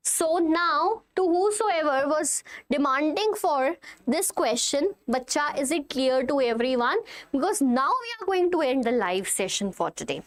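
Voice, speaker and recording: A woman's voice: high-pitched, animated, normal speed. A woman with a North Indian accent teaching a live online revision class, emphatic and instructive, repeating key points to her students. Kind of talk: live exam revision lesson, addressing students directly.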